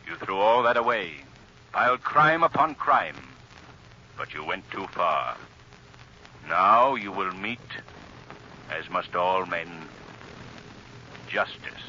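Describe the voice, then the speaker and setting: An actor playing a mysterious, righteous and mocking avenger with grave theatrical pronouncements in a 1930s radio drama. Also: male voice, low-pitched, pushed and bright, slight background noise, heavily acted. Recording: muffled 1930s radio recording with organ.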